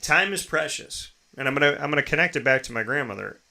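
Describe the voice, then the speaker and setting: Talking fast with lively intonation, a thirties-aged American man hosts a show, his rather high voice bright, pushed and full of vocal fry. His motivational monologue is personal and emphatic, built on repeated phrases and rhetorical questions.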